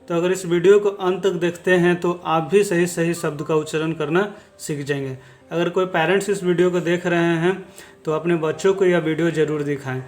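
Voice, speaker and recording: A man teaching English reading, explaining slowly and repeating each letter sound. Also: on the high side, darkish tone. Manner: slow, repetitive, spells out each letter. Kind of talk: explaining lesson.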